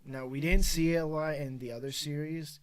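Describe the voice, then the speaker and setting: A young man hosting a casual sports chat, animated and full of quick restarts. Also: a little high, clean tone. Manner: animated, quick back-and-forth with repeated restarts. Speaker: podcast host.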